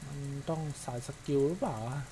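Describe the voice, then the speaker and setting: A man's voice: on the high side, lively intonation, a little fast, dark tone, slight background noise. A man giving casual let's-play commentary, chatty, repeating words and exclaiming when startled. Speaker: gameplay streamer.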